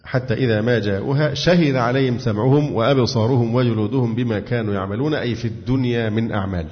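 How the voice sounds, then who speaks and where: Speaking fast at a medium pitch, a man with an Egyptian accent teaches a religious exegesis lesson, posing questions to himself and answering them. The recording is echoey, dull and lo-fi.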